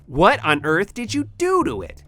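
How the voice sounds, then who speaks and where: An actor playing a fussy, exasperated lab scientist, dramatic and swinging from dry deadpan to pleading in comic dialogue. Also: mid-range voice, normal speed. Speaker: actor in a comedy sketch.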